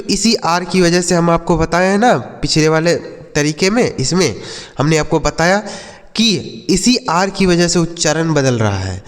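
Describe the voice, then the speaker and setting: A man teaching English spelling to children, sounding letters out slowly and answering his own questions. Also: fairly high pitch, in a large hall.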